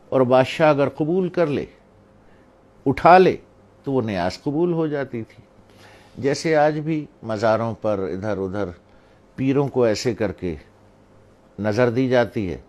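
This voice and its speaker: A man's voice: fairly low pitch, a little mellow. A middle-aged man from Pakistan, a religious speaker telling a family anecdote to draw a moral from it. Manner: anecdotal, acts out family members' voices. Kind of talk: storytelling talk with a moral.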